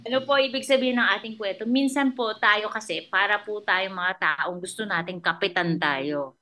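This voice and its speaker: A woman's voice: medium pitch, bright, forceful tone. A woman pastor with a Filipino accent giving a conversational sermon, often checking in with her listeners. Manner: conversational, mixing English and Tagalog, checks in with "okay?".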